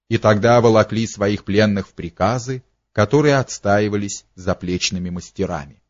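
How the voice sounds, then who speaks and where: A man's voice: on the low side, a little mellow, no echo, muffled recording. A man narrating a historical novel as an audiobook, telling it steadily with a slight dramatic lift.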